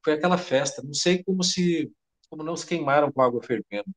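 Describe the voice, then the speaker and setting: A panicked middle-aged head cook, babbling in a rush and swearing oaths as he pours out his story, as a Brazilian-accented man voices him in a read-aloud tale. His voice runs fairly high and rattled. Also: fast, close to an everyday voice. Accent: Brazilian Portuguese.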